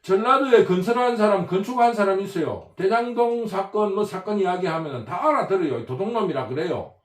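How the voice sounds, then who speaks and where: A man rambles through an opinionated political monologue, circling back and repeating his points with force. His voice sits fairly high and swings widely in pitch. The recording is roomy, with a noticeable echo. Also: lively intonation, brisk. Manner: emphatic, repetitive, rambling. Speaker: political commentator.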